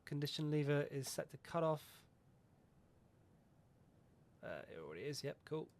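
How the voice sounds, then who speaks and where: This flight simulator host sounds fairly high-pitched and very animated at normal speed. He casually rambles over the pre-flight checklist, cursing now and then and making fun of himself.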